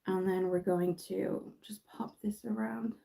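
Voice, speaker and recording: A woman's voice: mid-range voice, fairly even intonation, unhurried, vocal fry, dark tone, poor audio. An Irish woman doing a casual makeup tutorial on a livestream from her bedroom, chatty and rambling with many fillers. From Ireland. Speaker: makeup vlogger. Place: bedroom at home.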